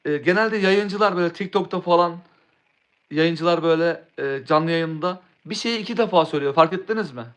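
Young guy streamer rambling along to chat, kinda high voice. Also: brisk, fairly bright tone. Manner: rambling, restarts words, answers chat. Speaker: live streamer. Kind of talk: casual live-stream chat.

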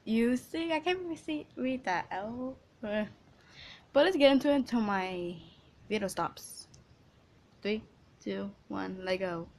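A woman's voice: fairly high pitch, expressive, unhurried, gravelly, long pauses, darkish tone, a little hiss or hum. A young woman hosting a reaction video, emotional and tearful, gasping and crying as she watches. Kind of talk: casual reaction commentary.

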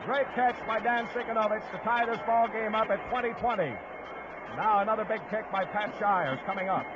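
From a stadium broadcast position, a man calls live play-by-play football for a 1950s radio broadcast, his high voice brisk. The old recording is noisy and muffled, with outdoor crowd noise behind him.

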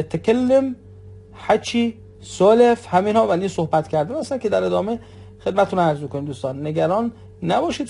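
A man with a notably high voice gives an online language lesson. He speaks patiently, repeats each word, and keeps addressing his listeners as dear friends. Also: vocal fry, dark tone. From Iran. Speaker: Arabic teacher.

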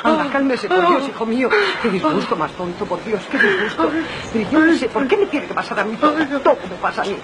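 A woman's voice: on the high side, sing-song, fast, very noisy. An actress playing a kind, motherly woman who soothes a crying young man and ends up close to tears herself in a 1990s TV comedy. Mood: tearful. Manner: soothing, motherly, then tearful. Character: kind-hearted, weepy woman comforting a stranger.

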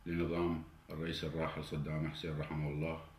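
Seated in a study with a flag and cabinet behind him, an Iraqi man in his forties delivers an angry political monologue directly to camera. His voice is extremely low, monotone, and fast, carrying an Iraqi Arabic accent and rising in heat and volume; the audio has a roomy echo and a faint hiss.

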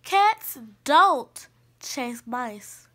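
A woman's voice: sits high, lively intonation, drawn-out words, a bit bright, heavily acted. A woman voicing a big, round female cat teacher who speaks firmly and plainly. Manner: firm, matter-of-fact.

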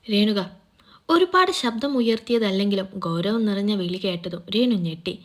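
A woman reads a romance serial aloud in a steady, even narrating voice. Her pitch sits at an ordinary middle height. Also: normal speed. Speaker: story narrator.

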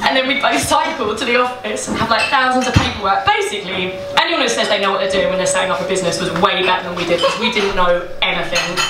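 A woman's voice: mid-range voice, quick pace, few pauses. A young woman on stage telling the story of starting a bakery, chatty, swearing freely and laughing through her words, into a handheld microphone. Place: small indoor event space with a seated audience. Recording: roomy live-event sound, picked up from a distance, with room noise.

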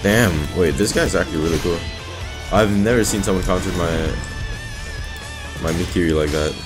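A young man with a low voice narrates his gameplay, cursing and getting worked up at every turn. Game music plays clearly underneath his commentary. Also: normal speed. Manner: excitable, profane, reacting loudly. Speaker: let's play host. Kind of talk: gaming commentary. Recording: music playing clearly behind.

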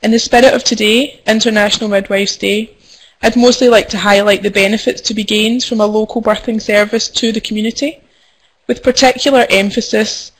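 A woman's voice: medium pitch, steady tone, brisk, breathy edge, rough recording. A young adult woman with a Scottish accent, a midwife giving a conference presentation over a web call, friendly and formal with frequent ums. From Scotland. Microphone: computer mic over web conferencing.

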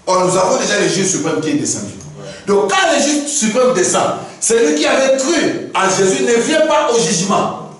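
A male preacher delivers an animated sermon, his high voice rising and falling as he acts out exchanges between people. He is heard from a distance in a very echoey hall. A faint hum sits under the recording. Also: moderate pace. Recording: echoey room from far off, faint noise.

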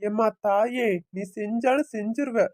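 A woman's voice: on the high side, unhurried, a little mellow, dry recording, clean studio sound, natural voice. A woman voicing a lazy, drowsy young husband caught between his mother and wife in a cartoon. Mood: irritated. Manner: drowsy, whiny.

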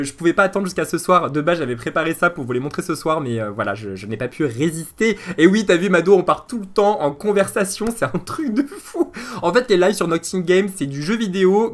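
A man in his thirties chatting casually with his live-stream viewers, animated and laughing at his own jokes. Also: a little high. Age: 30s.

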